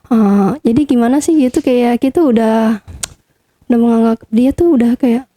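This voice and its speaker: A young woman recounting a personal story in casual conversation, pausing often and hedging with fillers. Her voice sits a little high. Its tone is deeply mellow and warm. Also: no echo. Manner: chatty, hesitant with many fillers. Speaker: interview guest.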